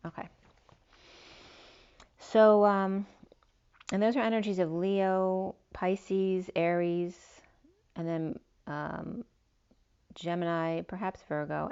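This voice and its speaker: A tarot reader with a fairly low, darkish, clear and resonant voice meanders through long lists of cards with fillers during a spiritual reading. Her voice is slightly worn as she loses it a little, and the recording sounds dull and lo-fi.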